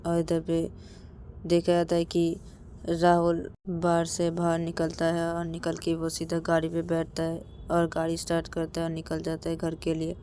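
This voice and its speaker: A woman's voice: deep voice, monotone, normal speed, warm tone, a little hiss or hum. A woman narrating a serialized romance story in a plain, repetitive way. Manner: plain, repetitive linking phrases.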